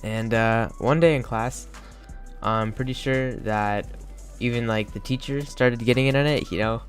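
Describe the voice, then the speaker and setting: A man's voice: mid-range voice, measured pace, soft background music. A young man telling a crude, joking story in a rambling, casual way, full of fillers.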